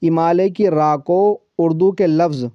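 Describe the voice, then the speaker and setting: A man teaching a one-on-one Quran reading lesson, patiently explaining rules and repeating syllables slowly so they can be copied. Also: fairly high pitch, fairly even intonation, no echo. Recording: dull lo-fi, dry sound.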